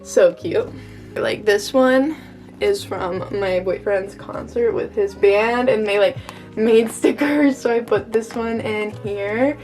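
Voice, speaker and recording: A woman's voice: mid-range voice, slow pace, darkish tone. A young American woman chatting casually in a vlog with a gushing valley girl manner, peppering her talk with filler words. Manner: valley girl delivery, frequent "like" and "totally cute", gushing. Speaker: vlogger. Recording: music behind the voice. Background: background music.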